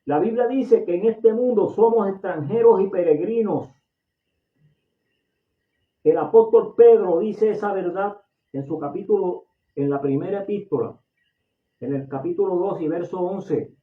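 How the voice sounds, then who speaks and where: Puerto Rican preacher in an echoey hall. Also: male voice, high voice, unhurried, long pauses. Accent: Puerto Rican Spanish. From Puerto Rico. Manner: impassioned, repeats and restarts phrases. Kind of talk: sermon. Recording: echoey, distant, phone-like audio.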